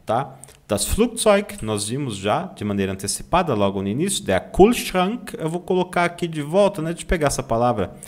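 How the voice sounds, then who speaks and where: A Brazilian man teaching German online, who draws out German words slowly to model the pronunciation and keeps asking "tá?" to check that students follow. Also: medium pitch, a little mellow. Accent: Brazilian Portuguese. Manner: slow, drawn-out demonstration of German words, frequent "tá?" check-ins. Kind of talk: online language lesson.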